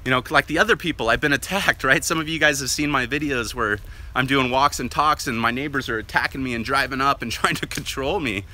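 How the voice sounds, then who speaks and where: A man vlogs while walking down a residential street, speaking loudly and casually in a walk-and-talk monologue. His voice is medium-pitched and fairly quick, and he rambles, often asking "right?". He wears no mic, recording with a camera or phone at hand.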